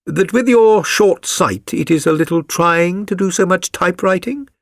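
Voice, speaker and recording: A man voicing a suave, courteous gentleman detective in a storybook reading, polite, assured and incisive. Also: high voice, moderate pace, vocal fry, dry recording, studio quality, pitched above the performer's own voice. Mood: inquiring.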